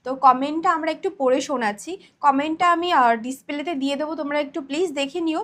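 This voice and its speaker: A woman's voice: high voice, fast, bright, forceful tone. A woman co-hosting a reaction video, chatting casually and hesitantly with lots of fillers.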